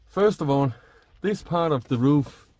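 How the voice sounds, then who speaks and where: A middle-aged man speaks haltingly in a casual demonstration vlog, recorded inside a small minivan camper. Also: fairly high pitch, animated, darkish tone, slight background noise. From Denmark. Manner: hesitant, halting delivery while working. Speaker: vlogger. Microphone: camera a short distance away.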